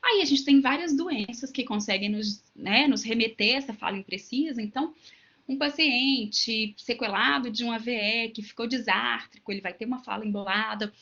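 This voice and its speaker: This woman speaks at a moderate pace with a bright, forceful voice on the high side, recorded with the highs cut off. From Minas Gerais, Brazil, and with that region's Brazilian Portuguese accent, she lectures teachers online, drawing on everyday examples and asides.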